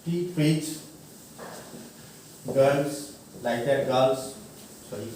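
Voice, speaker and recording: A man giving a college English grammar lecture, halting with many fillers and self-corrections, spelling words out letter by letter. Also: medium pitch, mellow. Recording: echoey room, mic far off, faint noise.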